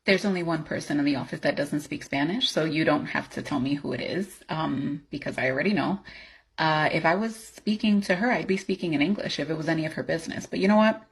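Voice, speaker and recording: A woman's voice: low-pitched, fast, slightly rough, full character voice. A woman playing an assertive, sardonic office employee in a workplace comedy skit, speaking firmly, bluntly and with sarcasm. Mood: curt, composed. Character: assertive, sardonic female office employee who refuses unpaid work.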